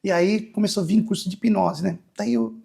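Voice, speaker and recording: A Brazilian man with a Brazilian Portuguese accent, a guest on an interview show who tells long, rambling anecdotes full of asides. His voice sits a little high and carries a husky edge. He answers in a loose storytelling way. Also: a little fast, warm tone. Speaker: guest, musician and hypnotist.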